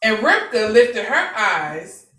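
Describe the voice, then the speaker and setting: A woman reading scripture aloud during a Bible discussion, steady and plain, with small restarts. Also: mid-range voice, slow pace, faint music behind. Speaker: scripture reader. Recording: roomy and distant from the mic.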